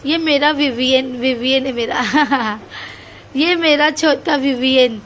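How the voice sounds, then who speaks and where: Young mother vlogger, high bright voice, unhurried affectionate baby talk, phone mic with faint household hum. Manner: sing-song baby talk, coaxing and affectionate. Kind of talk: casual family vlog, talking to a baby. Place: home, indoors.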